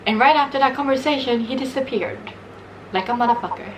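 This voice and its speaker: A woman's voice: high voice, a little fast. Casting: young woman, giggly, candid mukbang host, casual sweary chat, faint background noise. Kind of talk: casual real-talk chat over a meal.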